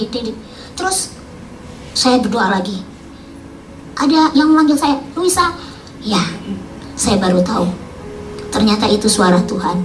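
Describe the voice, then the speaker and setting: A woman from East Java gives a personal testimony in a casual, halting way, often searching for words and correcting herself. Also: on the high side. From East Java, Indonesia. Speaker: testimony speaker. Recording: echoey room, distant mic, faint noise.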